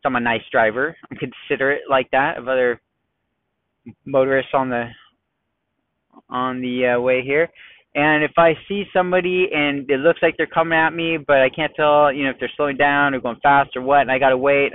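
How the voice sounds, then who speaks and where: A man hosting a casual solo podcast from his car in traffic, chatty and quickly worked up, firing off rhetorical questions. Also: medium pitch, fairly even intonation, smooth, dry recording. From United States. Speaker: podcast host. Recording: tinny phone-like dry sound.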